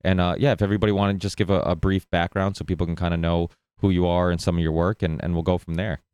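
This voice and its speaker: Man, host, live panel show, very low voice, smooth and close, dry sound. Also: flat delivery, fast talker, a little mellow, no echo. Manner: loose and friendly, with many fillers and restarts. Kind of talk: casual panel show hosting.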